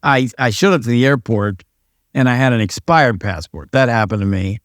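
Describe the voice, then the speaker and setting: A man's voice: medium pitch, normal speed, dry recording, clean studio sound. An older American man, a retired police sergeant and pastor, telling stories in a casual interview with a wry, self-deprecating manner. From United States.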